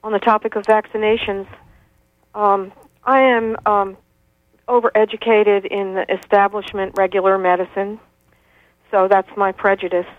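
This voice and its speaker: A woman's voice: medium pitch, little pitch movement, moderate pace, pauses often, dry recording. A woman in her sixties calling in to a radio show over a clipped telephone line, insistent and lecturing, with frequent hesitations. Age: 60s. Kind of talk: call-in radio talk.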